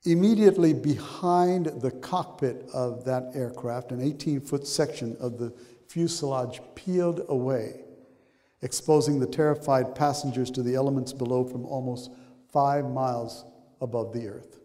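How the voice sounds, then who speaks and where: An older man from Sri Lanka gives a church sermon, talking in a loose, rambling way full of fillers and restarts. His voice is mellow and dark, and it rings with long reverb through a large sanctuary. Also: mid-range voice, normal speed. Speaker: pastor. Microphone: handheld mic.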